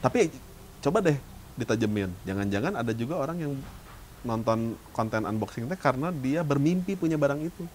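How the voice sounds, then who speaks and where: A man's voice: mid-range voice, fairly quick, slight background noise. A man, co-hosting a casual podcast chat and telling stories with joking asides. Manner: animated storyteller, joking asides.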